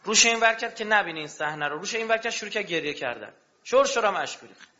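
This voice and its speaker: A man's voice: high voice, lively intonation, bright, forceful tone. A man preaching a sermon with passion, throwing rhetorical questions at his audience. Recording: dull lo-fi recording.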